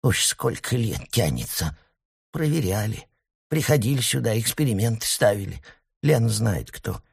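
A man voicing a stern old grandmother who mumbles and speaks in a hushed voice, in a storybook reading. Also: on the low side, very animated, moderate pace, vocal fry, husky, voice pushed up, heavily acted. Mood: insistent.

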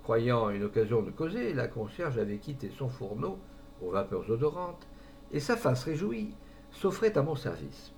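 Expressive male audiobook reader. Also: medium pitch, normal speed, slight background noise. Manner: expressive, lively storytelling. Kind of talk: audiobook narration.

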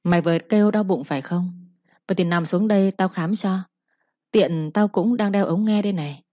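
A woman's voice: mid-range voice, normal speed, dark tone, no echo, dull audio, lightly acted. A woman voicing a cold, stern young master of the house who gives commands. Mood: menacing.

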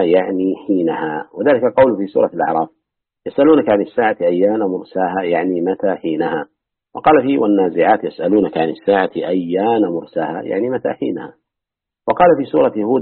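A deep-voiced man with a husky tone reads through an old scripture commentary in a steady, measured way. The sound is dry and tinny, like a phone line. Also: no room sound. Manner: measured reading that drops to low asides. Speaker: reader and teacher of Quran commentary. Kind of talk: reading a classical commentary aloud with brief remarks.

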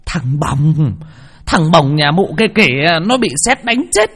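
A man doing a shrill old village shrew. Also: very animated, slow pace, fairly bright tone, slightly rough, full character voice. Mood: frantic. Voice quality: high-pitched, shrill, far-carrying. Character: shrill, bossy old village woman, nosy and loud.

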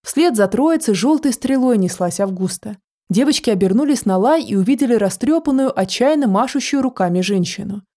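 A woman narrating a story with a steady, measured reading. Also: fairly high pitch.

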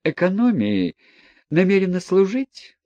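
A mocking young noblewoman questions with sharp, imperious teasing, as a man reads her. The voice sits well above the reader's own and moves a lot. Its tone stays mellow. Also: high voice, wildly swooping pitch, a little slow, no echo, muffled recording, voice pushed up, exaggerated voice.

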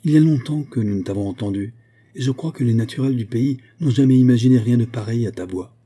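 A man's voice: medium pitch, fast, dark tone, breathy edge, natural voice. A man voicing an impulsive, affectionate young princess who is anxious for her friend, with an eager, exclamatory delivery. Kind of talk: audiobook character voice.

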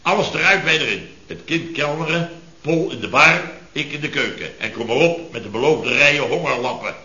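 A man's voice: fairly high pitch, animated, fairly quick, sharp tone. An actor playing a boastful, scheming male business boss in a 1960s radio serial, bragging in clipped fragments and tagging his claims with little questions. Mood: boasting. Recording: dull, roomy old radio recording.

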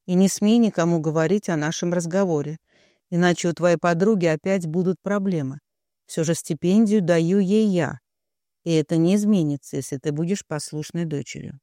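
Cold, domineering father, read by a man; flat commands, high voice. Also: moderate pace, no room sound, clean studio sound, close to an everyday voice.

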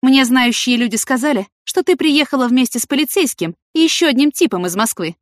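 Woman doing harsh female farm manager, sharp scolding delivery, dry recording. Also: a little high, lively intonation, a little fast, dry recording, voice pushed up.

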